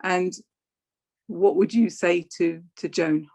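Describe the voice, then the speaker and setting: A woman's voice: lowish voice, steady tone, takes it slowly, creaky, darkish tone. A woman hosting a local candidates' debate, asking questions with many hesitant fillers. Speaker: debate host.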